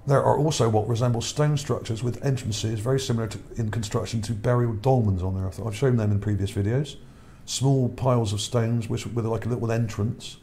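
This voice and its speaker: A man with a warm, medium-pitched voice keeps a steady tone and brisk pace with hardly any pauses, though his voice is starting to wear out. The channel host reads his article over images in a rambling way, repeating words and checking in with "okay?", over slight background noise.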